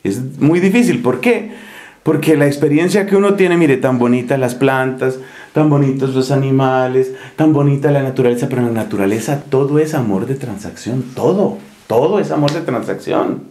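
Un hombre de Colombia, con acento colombiano, que predica en un retiro espiritual con tono conversador y humorístico, dramatizando escenas. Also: male voice, medium pitch, normal speed, mellow. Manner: conversational, humorous, acts out scenes. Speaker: preacher leading a retreat. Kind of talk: retreat sermon. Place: monastery, indoors. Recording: echoey room.

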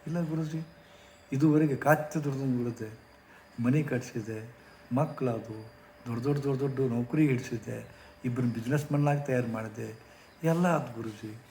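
A man voicing a weary, lonely older rich man who speaks in a soft, subdued, complaining voice. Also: medium pitch, normal speed, long pauses, echoey room, a little hiss or hum, natural voice, low-quality recording.

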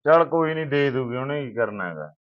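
A man with a Punjabi accent playing a calm, easygoing elder brother who soothes his sister. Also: mid-range voice, brisk, close to an everyday voice. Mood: placating. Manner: soothing, placating. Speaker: elder brother in a family drama. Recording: dull lo-fi sound.

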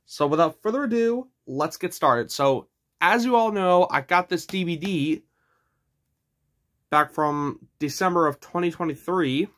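A man's voice: on the high side, a little slow, fairly bright tone. A man casually reviewing a DVD for his channel, chatty and eager as he points out what he is showing.

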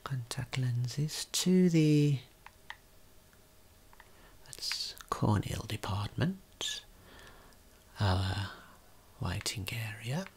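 This man leads an ASMR-style guided tour in a medium-pitched, very breathy whisper that carries a creaky edge. His intonation is lively, yet he speaks very slowly, leaving long pauses and explaining each phrase gently and unhurriedly.

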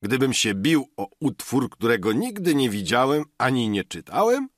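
A man's voice: mid-range voice, sing-song, normal speed, no room sound, studio quality, voice pushed up. A man voicing a tipsy, scornful literary connoisseur at a banquet in an audiobook. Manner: scornful, mocking.

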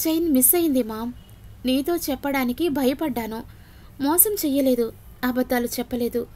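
Woman doing a young guy protesting hard to his mom, loud and pushy, storybook. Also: sits high, moderate pace, lightly acted. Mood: scared. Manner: insistent protesting denials. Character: young adult son, defensive and pleading.

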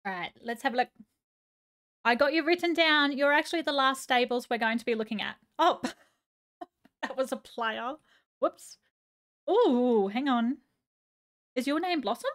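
A bubbly woman live streamer with a high voice, chatting casually, greeting viewers and gushing as she reads chat aloud. Her voice is going a little hoarse. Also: lively intonation, unhurried, long pauses, fairly bright tone.

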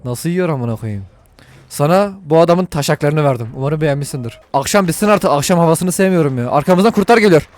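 A man giving let's-play commentary to viewers while he plays, excitable and full of crude jokes and swearing. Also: fairly high pitch, fast. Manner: talks to viewers while playing. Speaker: gaming video host.

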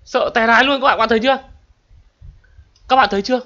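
A young gaming channel host with a very high-pitched voice commentates a monster battle game at a quick pace, sounding muffled. He is excitable, exclaims often, and keeps addressing his viewers, while explosions and gunfire from the game play behind him.

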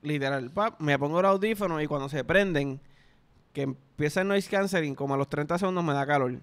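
Young Puerto Rican man with a smooth voice. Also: fairly high pitch, brisk. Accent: Puerto Rican Spanish. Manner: loose, profane storytelling. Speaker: podcast host. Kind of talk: casual chat.

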